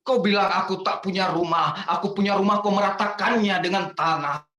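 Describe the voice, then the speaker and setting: A man reciting a protest poem dramatically, rising to shouts on the refrains. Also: sits high, fairly even intonation, a little fast. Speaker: guest poetry reader. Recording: echoey room with faint noise.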